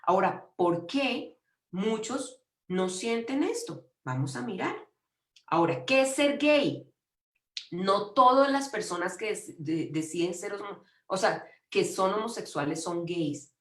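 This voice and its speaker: A woman delivers a conference lecture in an emphatic way, often stopping and restarting her sentences. Her voice sits at a middle pitch. The recording carries a noticeable room echo. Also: lively intonation, measured pace, a bit bright. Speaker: conference speaker. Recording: echoey room.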